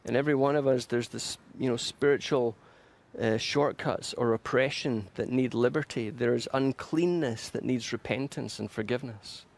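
Guy preaching a sermon, mid-pitch, earnest and emphatic, repeats himself for punch. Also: normal speed, gravelly. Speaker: pastor. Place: church.

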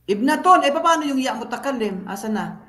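A fairly high-voiced woman from the Philippines gives a home lesson to her children. She quizzes them patiently and stretches out each word as she drills it. The room around her is echoey. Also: lively intonation, brisk, a bit bright. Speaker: parent teaching her children.

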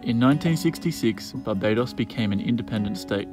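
Young male sailing vlogger, easygoing and jokey, mid pitch; music track loud under the voice. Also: expressive. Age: young adult. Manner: laid-back, joking, drawn-out musing. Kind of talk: casual travel vlog chat. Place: outdoors on a sailboat and harbourside. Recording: music bed playing under the voice.

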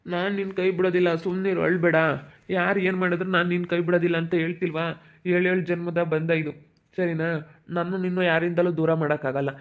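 A man's voice: high-pitched, flat delivery, quick pace. A young man with a central Karnataka Kannada accent, reassuring and soothing, repeating his promises in a couple's conversation. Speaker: vlogger. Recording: tinny phone-like sound.

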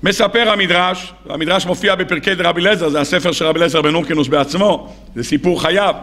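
A rabbi with a high voice preaches in an animated storytelling style. He acts out the dialogue as he goes, and his delivery stays lively throughout. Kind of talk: sermon storytelling.

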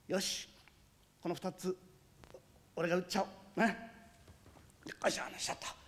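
A man playing a naive young master turned peddler with an Edo Tokyo accent, muttering to himself and stammering through long drawn-out vendor cries. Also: high voice, fairly even intonation, a bit bright. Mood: musing. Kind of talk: rakugo storytelling.

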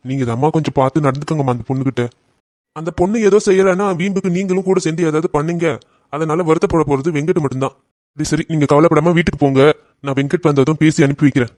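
Guy doing nice cartoon auto driver calming a mom down, fast talk, bit high. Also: no room sound, natural voice. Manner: soothing, respectful. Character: kind young auto-driver friend, calm. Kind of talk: animated cartoon family drama.

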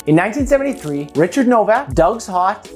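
A woman's voice: mid-range voice, sing-song, fairly quick, a little mellow, soft background music. A woman with a Canadian accent hosting a playful, jokey scripted list narration. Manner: playful, jokey, laughs at own slips. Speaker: host.

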